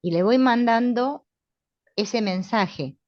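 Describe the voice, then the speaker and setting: A woman's voice: on the high side, slow pace, no echo. Assured Rioplatense woman teaching therapy. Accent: Rioplatense Spanish. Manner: calm, assured, with frequent tag questions. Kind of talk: spiritual therapy lesson. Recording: dull, lo-fi sound.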